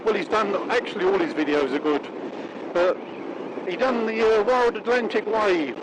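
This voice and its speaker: Irish biker talking inside a helmet over loud noise. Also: male voice, high voice, normal speed. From County Mayo, Ireland. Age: middle-aged. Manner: chatty, rambling, colloquial. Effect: muffled inside a motorcycle helmet. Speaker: motorcycle vlogger. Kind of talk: casual riding commentary to viewers. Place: outdoors on a moving motorcycle, inside helmet. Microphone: dictaphone worn while riding. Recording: loud engine and wind noise.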